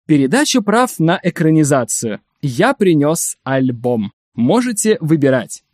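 A man voicing a smug, brisk male biographer in a story reading, lifting his pitch a little. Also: big pitch swings, darkish tone, no echo, studio quality. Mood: persuasive. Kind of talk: audiobook character reading.

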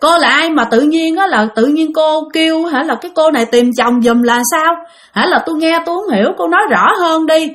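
A woman's voice: high voice, brisk, fairly bright tone, pitched above the performer's own voice. A woman voicing an older man who knows Buddhist rites, coaxing and questioning.

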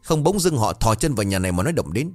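A man's voice: on the low side, big pitch swings, quick pace, dry recording, faint music behind. A man voicing a fed-up young village wife who scolds her mother-in-law sharply. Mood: indignant.

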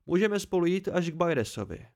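A man voicing an old village man who boasts about his storytelling, in a raised, higher voice. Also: very animated, darkish tone. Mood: boastful.

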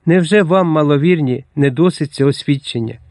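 Старий ігумен, якого озвучує читець, промовляє урочисто, як на проповіді, з піднесеним тоном. Звук сухий і близький. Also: male voice, a little high, fairly quick, a little mellow, no room sound, clean studio sound, lightly acted. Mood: preaching. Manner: solemn, preaching. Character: elderly male abbot, solemn and preaching.

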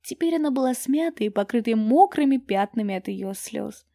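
A woman narrating a storybook in a hushed, often whispered way. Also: a little high, lively intonation, normal speed, creaky, no room sound, clean studio sound. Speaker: audiobook narrator.

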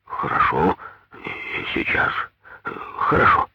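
A man's voice: mid-range voice, big pitch swings, unhurried, slightly rough, dry recording, voice pushed up, full character voice. Man playing a grumbling gray-haired foreman. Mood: defensive. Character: gray-haired, defensive road-works foreman. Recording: dull lo-fi dry recording.

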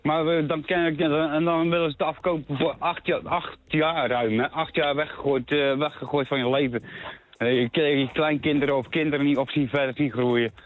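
A man's voice: on the high side, steady tone, normal speed. Indignant man on a crackly phone line. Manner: indignant, stumbling restarts. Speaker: caller. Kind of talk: phone-in call.

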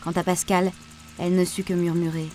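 A woman narrating a novel aloud in an audiobook, with a measured, even reading. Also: fairly low pitch, a little hiss or hum. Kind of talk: scripted narration.

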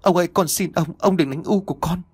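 A man's voice: sits high, quick pace, slightly rough, pitched above the performer's own voice. A man voicing a terrified young servant girl who cries and begs for mercy. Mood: pleading. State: crying, pleading.

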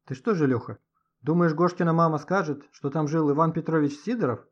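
A man's voice: fairly high pitch, a little fast, pitched above the performer's own voice, close to an everyday voice. A man voicing a sarcastic teenage boy teasing his friend in a mocking sing-song, in a storybook reading. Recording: dull lo-fi audio.

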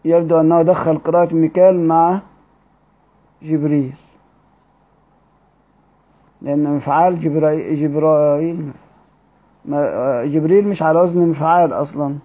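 A man with an Egyptian accent teaching Quranic readings in a study-circle lecture, explaining step by step and drawing out key words slowly. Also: a little high, steady tone, warm tone. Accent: Egyptian Arabic. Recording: dull lo-fi recording.

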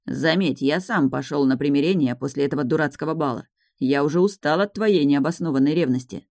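A woman's voice: deep voice, fairly quick, a little mellow, dry recording, studio quality. A woman voicing a stern, weary young duke who speaks in cold, clipped tones. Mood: stern, steely.

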